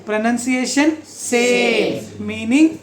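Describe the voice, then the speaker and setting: A man's voice: very high voice, slow pace, a crowd in the background. Male teacher quizzing a class. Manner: quizzes pupils, mixes English lines into Hindi, keeps asking "समझा?". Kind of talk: classroom grammar lesson. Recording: echoey classroom, faint noise.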